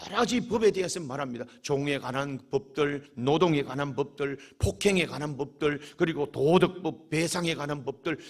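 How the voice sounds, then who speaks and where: Man, pastor, fervent sermon, rhetorical questions, husky tone, lively swooping pitch. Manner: fervent preaching with dramatic rhetorical questions and acted-out quotes.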